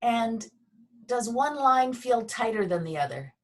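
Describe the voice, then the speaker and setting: A woman with a fairly high voice leads a movement class over a video call. She speaks in a gentle, unhurried way with pauses. She sits a little back from her mic. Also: very animated, distant mic. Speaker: Feldenkrais teacher.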